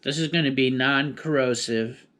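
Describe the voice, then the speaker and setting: A man's voice: medium pitch, normal speed, fairly bright tone. A man chatting casually on his own in a rambling, laid-back stoner manner. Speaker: vlogger. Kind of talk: casual solo rambling chat.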